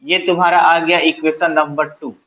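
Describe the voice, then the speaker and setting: A man's voice: a little high, flat delivery, moderate pace, a bit bright, muffled recording. A man tutoring math in colloquial Hindi with a Bihari accent, asking his students questions and answering them himself as he works through the steps. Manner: colloquial, mixes English math terms into Hindi. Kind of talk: classroom math lesson, working through steps aloud. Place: coaching centre classroom.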